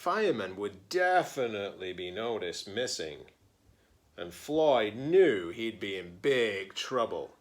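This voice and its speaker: Male storybook reader, librarian style: highly varied pitch, slow delivery, dramatic pauses, playful chatty asides for children. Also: big pitch swings. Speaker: teacher-librarian reading a picture book aloud. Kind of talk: animated children's read-aloud with chatty asides.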